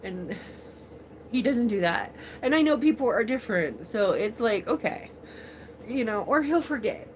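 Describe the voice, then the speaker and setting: A woman's voice: fairly high pitch, sing-song, unhurried, a little hiss or hum. A woman in her forties chatting casually on a livestream, rambling with many fillers, laughing often and speaking with open emotion. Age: 40s. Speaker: livestream host.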